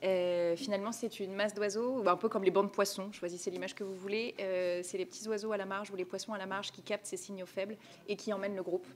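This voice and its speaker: A woman's voice: mid-range voice, fairly even intonation, quick pace, few pauses, a little mellow, slight background noise. A woman speaking on a conference panel, hesitating with fillers as she works through an image. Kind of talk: panel discussion.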